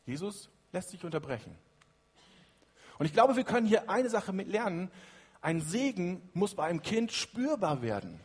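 A man preaching a sermon in a lively way, moving between loud emphatic lines and hushed quiet ones. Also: sits high, moderate pace, breathy edge, long reverb tail.

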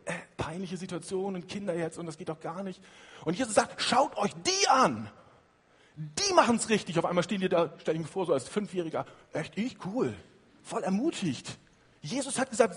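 A man preaching a sermon in a lively way, moving between loud emphatic lines and hushed quiet ones. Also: sits high, slightly rough, big-room sound.

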